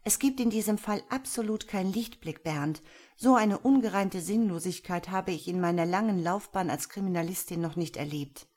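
Veteran lady detective in an audiobook, brisk and matter-of-fact, voiced by the woman reader. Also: lowish voice, a little mellow, natural voice. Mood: frustrated. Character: seasoned female police detective, brisk and earnest.

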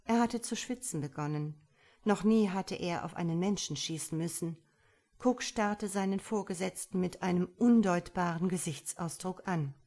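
A woman narrates a tense adventure story in steady, measured scripted narration. Her voice sits on the low side. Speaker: audiobook narrator.

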